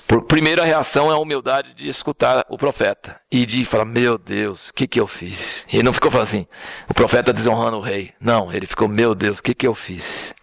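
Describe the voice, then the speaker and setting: A man's voice: medium pitch, vocal fry, dry recording. A man preaching an informal sermon, telling the story conversationally and often checking in with "right?" and "understand?". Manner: conversational, animated storytelling with frequent "né?" and "entendeu?".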